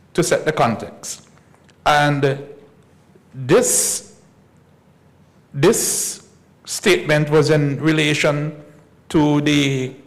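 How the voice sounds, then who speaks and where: A man, a historian giving a measured conference lecture and repeating key points slowly for emphasis. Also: fairly high pitch, poor audio. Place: conference hall.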